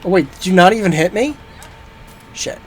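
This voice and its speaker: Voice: mid-range voice, moderate pace, slight background noise. A game streamer giving casual live gameplay commentary in a joking, rambling, profane way.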